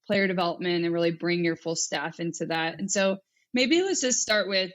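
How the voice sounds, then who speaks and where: A woman's voice: fairly low pitch, moderate pace. A woman hosting a podcast, chatting in an upbeat, loose way with plenty of fillers. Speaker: podcast host. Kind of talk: casual interview.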